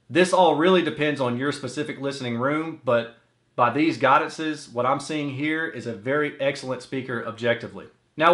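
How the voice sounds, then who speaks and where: An American audio reviewer and host sits in a small home office, explaining a product to camera. His mid-range voice has a fairly bright tone. The small room gives the recording a roomy echo.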